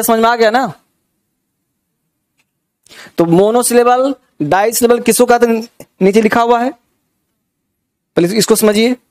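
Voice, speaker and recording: High-voiced man teaching a grammar class. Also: a little mellow. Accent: Indian English words in Hindi. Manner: repeats checks for understanding, coaxing students.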